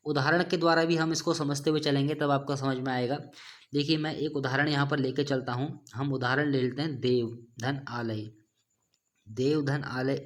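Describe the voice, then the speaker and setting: A man teaching a grammar lesson, often posing questions and answering them himself. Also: fairly high pitch. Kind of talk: explaining lesson to students.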